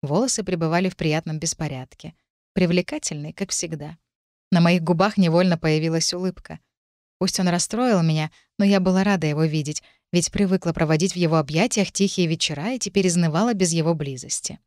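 A woman reading a first-person novel aloud in an expressive, emotional way. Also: fairly low pitch, a little fast, no echo, clean studio sound. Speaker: audiobook reader.

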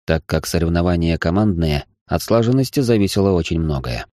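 A man's voice: low voice, lively intonation, fairly quick, a little mellow, dry recording. A man narrating a first-person audiobook with a dry, wry delivery.

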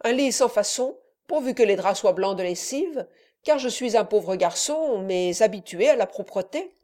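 A woman voicing a cheerful, hungry young peasant man in a storybook reading, speaking loudly and with gusto. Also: medium pitch, animated, moderate pace, lightly acted. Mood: chatty. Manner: loud, exclaiming, jovial.

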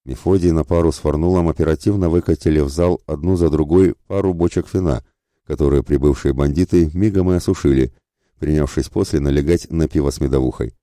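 Very deep, dark-voiced male narrator. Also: a little fast, dry recording, clean studio sound. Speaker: audiobook narrator. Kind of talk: scripted narration.

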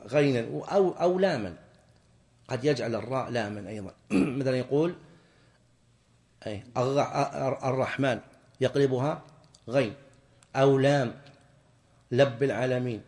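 A man teaches a classroom lesson at an even, middle pitch. He explains each point deliberately and breaks off to toss short questions to his students. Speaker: sheikh teaching jurisprudence. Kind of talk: classroom lesson on Islamic law.

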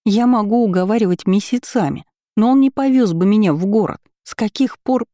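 A woman voicing an excitable, dramatic young princess who exclaims and squeals. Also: medium pitch, no room sound, studio quality, pitched above the performer's own voice, close to an everyday voice. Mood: excited. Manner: exclaiming, squealing, talking fast.

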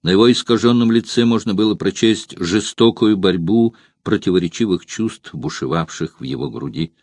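A man's voice: lowish voice, moderate pace, a little mellow, no room sound, studio quality. A man narrating a historical novel as an audiobook, with an emotive, dramatic delivery. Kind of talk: literary audiobook reading.

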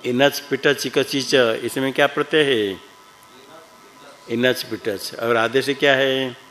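A man teaching Sanskrit grammar in a class, reciting rules slowly and patiently quizzing his students. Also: mid-range voice, fairly even intonation, fairly bright tone, poor audio.

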